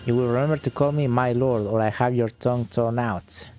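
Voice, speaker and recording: A man's voice: medium pitch, steady tone, brisk, a little mellow, faint music behind, close to an everyday voice. A man voicing an arrogant, spoiled boy duke while reading game dialogue aloud, in a pompous, commanding, insulting manner. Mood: haughty.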